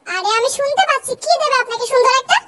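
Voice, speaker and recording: Sassy bossy young wife voiced by a woman, very high voice, sharp quick retorts, comic fan dub, faint noise. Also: animated, poor audio. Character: bossy young wife fielding angry phone calls.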